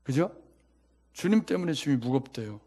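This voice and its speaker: A male pastor preaching a sermon, animated and asking the congregation questions. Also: mid-range voice, moderate pace.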